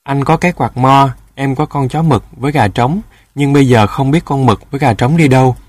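A man's voice: mid-range voice, a little fast, darkish tone, husky, no room sound, studio quality, lightly acted. A man voicing a curious, naive little boy in a storybook, asking eager questions.

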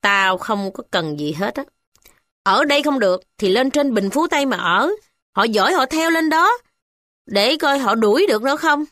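A woman with a Southern Vietnamese accent voicing a bold, scornful poor village wife who speaks sharply and high. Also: expressive, moderate pace, no room sound, studio quality. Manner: sharp, scolding, raised pitch.

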